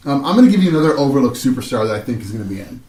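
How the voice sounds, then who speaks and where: A man with an ordinary medium-pitched voice co-hosts a wrestling podcast in casual, animated chat. He rattles off title lists and throws in joking asides. The recording has a roomy, echoey sound. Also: rapid-fire. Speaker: podcast co-host. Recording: roomy echo.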